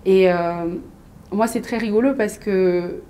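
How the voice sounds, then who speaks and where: A woman's voice: mid-range voice, unhurried, slight background noise. Woman from Mali telling her story. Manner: hesitant, many fillers and restarts, lively storytelling. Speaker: interview guest, business coach. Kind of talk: casual conversational interview.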